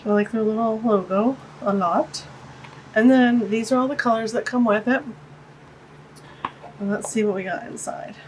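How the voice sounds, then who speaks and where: Her pitch runs fairly high but the tone is darkish, and she talks at normal speed with long pauses, sounding stuffy and congested. This woman hosts an art channel, chattily gushing and cooing over tiny things while unboxing art supplies in a casual vlog. It's shot overhead on a tabletop in her home art studio with a camera-mounted shotgun mic, and the rough recording has a little hiss or hum.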